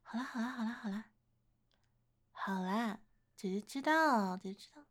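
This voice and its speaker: A woman's voice: a little high, lively intonation, moderate pace. A woman playing a playful older-sister type who coaxes and teases a younger man confessing to her, in a one-sided romantic role-play. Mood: teasing, coaxing. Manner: coaxing, playful teasing, gentle laughter.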